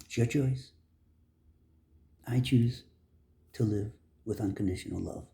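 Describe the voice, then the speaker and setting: A motivational speaker with a gravelly, medium-pitched voice delivers an earnest monologue. Preachy and heartfelt, he swings between emphatic bursts and soft lines.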